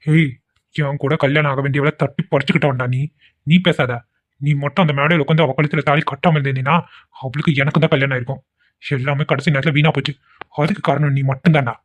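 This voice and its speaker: A man's voice: a little high, fairly even intonation, fast talker, close to an everyday voice. A man voicing a scheming young man who is a jealous ex-lover, wheedling and theatrical in a cartoon. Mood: taunting. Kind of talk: amateur cartoon voice acting. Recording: tinny phone-like lo-fi audio.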